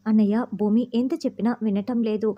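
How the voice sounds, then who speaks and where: A woman's voice: medium pitch, fairly even intonation, a little fast, natural voice. A woman reading the lines of a worried sister who coaxes and pleads with the family. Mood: coaxing. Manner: coaxing, pleading. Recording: dull lo-fi audio.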